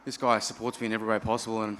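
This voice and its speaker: A man's voice: fairly low pitch, flat delivery, rapid-fire, fairly bright tone, slight background noise. A man giving a humble, gracious post-fight interview after a loss.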